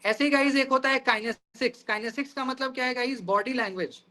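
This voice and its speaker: A male teacher delivers a lecture in a high, bright voice. He explains each idea through everyday examples and keeps turning to the class with questions. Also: fast talker. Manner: explains with everyday examples, often asks "guys".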